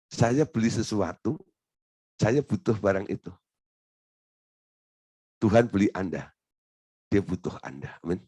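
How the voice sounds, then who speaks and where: Male pastor preaching, keeps asking the crowd questions, voice shoots up high for emphasis, chuckles at his own jokes. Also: breathy edge, no echo. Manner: animated, asks the congregation rhetorical questions, leaps into high emphatic bursts. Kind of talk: sermon.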